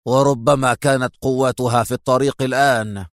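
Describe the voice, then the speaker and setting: A man's voice: mid-range voice, fairly even intonation, fairly quick, no echo, clean studio sound, close to an everyday voice. A man voicing a stern, angry male villain mastermind who speaks tensely and harshly.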